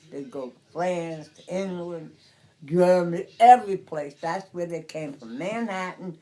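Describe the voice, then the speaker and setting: An elderly woman in her nineties from Brooklyn, reminiscing in a casual interview, haltingly, searching for words and repeating phrases. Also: sits low. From Brooklyn, New York. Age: 90s. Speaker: interviewee recalling the past.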